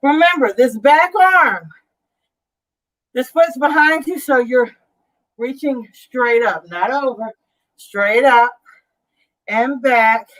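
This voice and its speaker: A woman's voice: sits high, slow, pauses often, fairly bright tone, low-quality recording. A woman leading a workout as an aerobics instructor, calling out counts and cues in a directive, encouraging way. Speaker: fitness instructor.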